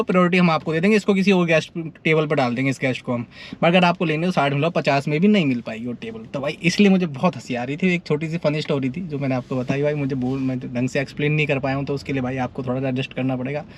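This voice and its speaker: A man's voice: a little high, fast, slight background noise. A young man from India with a Delhi Hindi accent, telling a story in a chatty, casual vlog and often calling the viewer "bhai". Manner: chatty, keeps saying "bhai", laughs while telling a story. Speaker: nightlife vlogger. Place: in and around a car on city streets.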